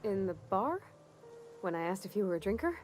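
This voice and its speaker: An actress voicing a shy young woman in a video game, who talks softly, hesitantly and apologetically. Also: mid-range voice, sing-song, fairly quick, faint music behind, natural voice. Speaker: game companion.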